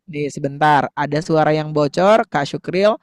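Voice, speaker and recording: A man's voice: on the high side, moderate pace, no room sound, studio quality. A man teaching young children to read Arabic letters, patiently repeating words and coaxing answers in call-and-response.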